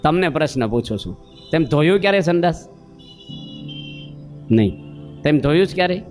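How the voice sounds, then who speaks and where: Man preaching, fairly high voice, folksy storytelling, faint music behind. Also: animated, moderate pace, a little mellow. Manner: storytelling with acted voices and questions to listeners. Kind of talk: sermon.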